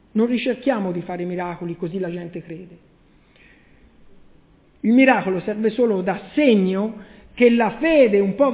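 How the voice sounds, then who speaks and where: A man's voice: high-pitched, vocal fry. A man preaching a sermon, reading scripture and asking his listeners rhetorical questions. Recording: echoey hall, phone-like tinny sound.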